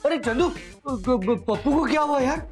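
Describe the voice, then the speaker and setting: A man's voice: extremely high pitch, lively intonation, unhurried. An actor playing a naive, eager young husband who appeals to his mother in a whiny, childish way. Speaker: son and husband. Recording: sitcom audio with loud background music.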